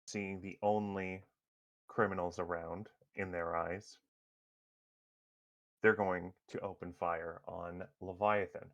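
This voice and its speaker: A man narrating a tabletop superhero game as game master, halting with many fillers and restarts. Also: deep voice, flat delivery, a bit bright, lo-fi sound.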